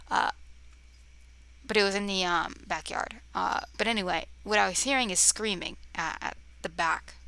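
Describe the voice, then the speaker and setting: A woman's voice: on the low side, gravelly, pushed and bright. A young woman vlogger telling spooky stories to a cheap camera mic at home, rambling with many fillers and often dropping to a whisper. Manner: easily distracted, talks to her cat. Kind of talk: casual storytelling to camera. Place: bedroom near a road, windows open.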